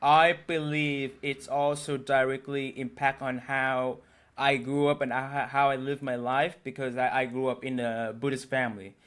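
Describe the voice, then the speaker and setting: A young man from Thailand, a native Thai speaker, talking in a casual interview and pausing to search for words. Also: medium pitch, flat delivery, fairly bright tone, smooth. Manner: hesitant, searching for words with many fillers. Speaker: interview guest. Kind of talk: casual conversation.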